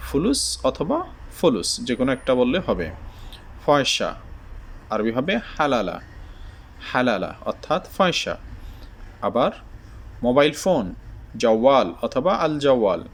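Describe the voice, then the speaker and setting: A man from Bangladesh teaching vocabulary, saying each word slowly and repeating it, and often checking in with his viewers. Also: mid-range voice, husky. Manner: checks in with the viewer, "ঠিক আছে?". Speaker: language teacher. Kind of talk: vocabulary lesson.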